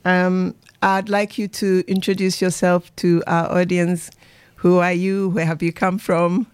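A woman's voice: fairly low pitch, level tone, unhurried, clean tone, no echo. A woman hosting a radio interview, encouraging and prompting her guest with questions. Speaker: radio host.

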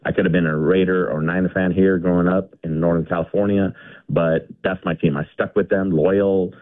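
A middle-aged man from India phones in to a radio show, his voice low and deep. He rambles casually, full of fillers and restarts. The line is tinny and narrow, with a dry sound. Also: fairly even intonation, moderate pace, dry recording. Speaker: caller. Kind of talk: casual call-in chat. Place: home garage.

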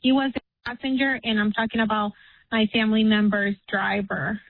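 A woman calling in to a radio show on a phone line that keeps cutting out, talking in a hesitant, halting way with many fillers. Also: medium pitch, flat delivery, dry recording. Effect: phone call that keeps cutting out, asked about Bluetooth or speakerphone. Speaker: radio call-in caller. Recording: tinny, dry phone line.

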